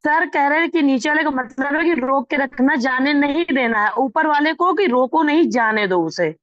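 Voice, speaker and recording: A woman's voice: high-pitched, moderate pace. A female student answering the teacher's question from her seat in class. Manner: speaks up from the class. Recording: distant from the mic, dull and dry.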